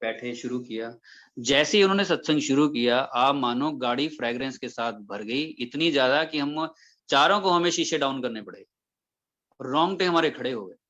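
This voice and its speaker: Here a male devotee shares a devotional story at a satsang, performing the dialogue as the tale unfolds. He speaks at normal speed in a mid-range voice over lo-fi sound, keeping the account animated with plenty of quoted speech.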